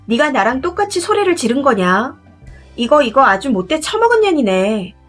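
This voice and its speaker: A woman's voice: sits high, sing-song, moderate pace, fairly bright tone, soft background music, exaggerated voice. Woman reading as a harsh scolding father-in-law. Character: angry older Korean father-in-law scolding.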